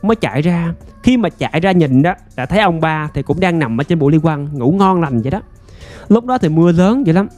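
A man tells a ghost story in a loose, chatty way, stretching out his phrases and filling them with small asides. His voice sits a bit high for a man. Soft music plays faintly behind him. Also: animated. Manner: chatty, drawn-out storytelling with many fillers. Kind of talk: casual ghost story narration.

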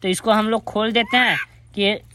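A man's voice: high-pitched, fairly even intonation, normal speed, sharp tone, a little hiss or hum. A man, chatting casually and directly to his viewers outdoors at home. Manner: plain, repetitive, addresses viewers directly. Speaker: vlogger with a pet monkey. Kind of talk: casual vlog chat to viewers.

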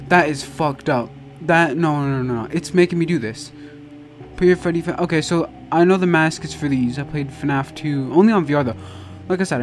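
Swearing frequently, a flustered, exasperated young man provides casual let's play commentary as a game streamer. His voice runs a little high, and there's a slight hiss or hum.

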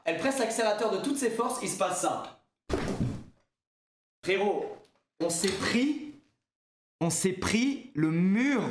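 A young man, a streamer, telling a lively anecdote to his viewers in a casual way, with many fillers. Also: high voice, echoey room.

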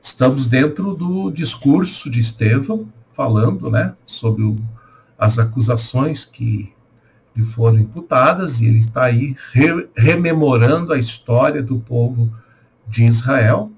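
A Brazilian pastor in his sixties giving a calm, reflective home devotional with a prayer. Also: medium pitch, gravelly, slight background noise. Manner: calm, unhurried, reflective with pauses. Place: small room at home, indoors. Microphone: webcam at desk.

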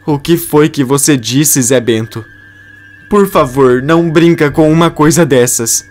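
A distraught mother, crying and pleading in a shrill, strained voice that climbs high above a man's normal range, as a male narrator puts her on. She sounds like a figure in a dramatized soap opera recap, read quickly. Faint music plays underneath. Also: animated, darkish tone. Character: distraught middle-aged mother sobbing for lost son.

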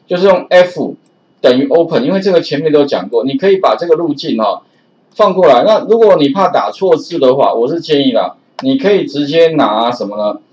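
A man's voice: a little high, expressive, a little fast, a little mellow. Chatty man teaching coding, lo-fi audio. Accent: Taiwanese Mandarin. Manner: chatty, frequent filler "哦", repeats warnings. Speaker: programming teacher. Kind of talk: screen-recorded coding lesson. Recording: slightly dull lo-fi recording.

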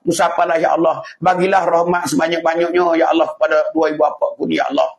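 A man's voice: fairly high pitch, level tone, fast talker, close to an everyday voice. A man with a Patani Malay accent voicing a devoted grown child who prays fervently over a parent's grave. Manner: fervent, repetitive supplication.

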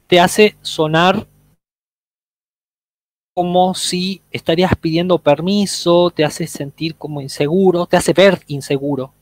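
Slow, patient male English teacher. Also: high voice, steady tone, poor audio. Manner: explains slowly, checks in with "¿ok?" and "¿sí?". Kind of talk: online language workshop.

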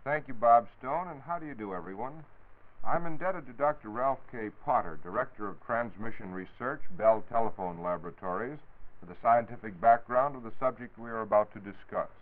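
An American man with a medium-pitched voice speaks fairly quickly as a 1940s radio science reporter. His explanation is scripted, formal and precise, and the recording sounds tinny and phone-like, in period style.

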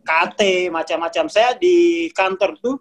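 A speaker giving a relaxed spoken lecture on spiritual consciousness, repeating warnings and laughing between points. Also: medium pitch, measured pace, slight background noise.

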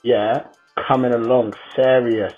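A man's voice: medium pitch, little pitch movement, a little slow. A young man with a London roadman accent and slangy delivery, giving casual, joking commentary as a voice-over. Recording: slightly muffled, music behind.

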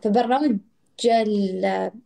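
A woman's voice: mid-range voice, unhurried, gravelly, warm tone. A young woman with a Gulf Arabic accent, bantering casually and insistently as a guest on a live stream. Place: indoor room, live video call.

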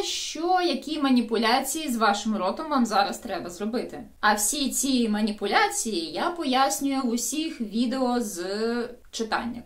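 A woman teaching English pronunciation in a video lesson, explaining each sound to her viewers. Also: a little high. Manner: lively, explanatory, addresses viewers directly.

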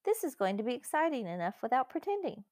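A woman voicing an eager, take-charge eldest brother, brisk and earnest, in a storybook reading. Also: fairly high pitch, sing-song, a little mellow, dry recording, clean studio sound, voice pushed up. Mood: reproachful. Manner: brisk, earnest, well-spoken.

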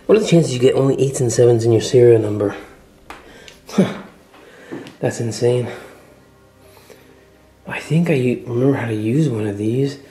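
A man giving a casual, excited walk-through vlog of an old mansion, chatty and often dropping to a murmur. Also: mid-range voice, normal speed, long pauses, faint music behind. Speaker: vlogger touring a historic mansion. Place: indoors, large old house.

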